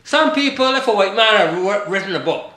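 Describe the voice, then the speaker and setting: His voice sits high with lively intonation and moves a little fast, in a very noisy, very echoey recording. He's an older man from Barbados, a guest author, telling rambling stories emphatically, repeating points and trailing off mid-thought.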